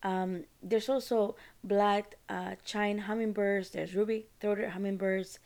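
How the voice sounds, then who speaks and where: A woman's voice: mid-range voice, fairly even intonation, takes it slowly, a little mellow. A woman from Costa Rica hosting a podcast, talking on her own in a chatty, rambling, informal way. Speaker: podcast host. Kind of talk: casual solo monologue.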